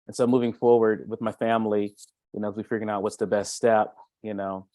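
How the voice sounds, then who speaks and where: Speaking fast in a lowish, mellow voice with little pitch movement and no room sound, a middle-aged man gives an unscripted self-introduction at a meeting. He's a B2B marketing consultant discussing his work offhandedly, frequently circling back and repeating himself.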